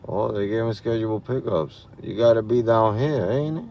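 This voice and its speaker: Inside his car at night, a tired rideshare driver streams live, talking casually in slangy speech and muttering to himself. His voice is on the low side and gravelly, at a moderate pace, and the muffled recording carries faint vehicle noise.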